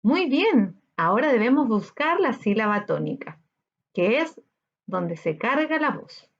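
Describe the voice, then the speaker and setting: A woman teacher with a Chilean Spanish accent, giving a recorded lesson and sounding out syllables slowly. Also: a little high, sing-song, vocal fry, highs cut off. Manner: slow, sounds out syllables in a drawn-out voice.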